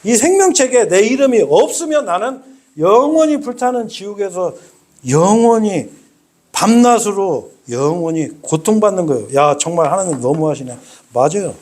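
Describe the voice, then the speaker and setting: A middle-aged man preaching a sermon as a pastor, talking in an animated way and acting out voices. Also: high voice, moderate pace. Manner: animated, acts out quoted voices.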